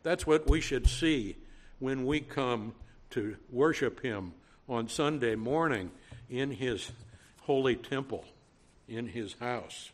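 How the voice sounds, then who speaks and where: A Cajun man delivers a sermon at an unhurried pace. His voice sits at a middle pitch, and he builds emphasis by repeating words in a calm, teaching manner. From Louisiana. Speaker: preacher.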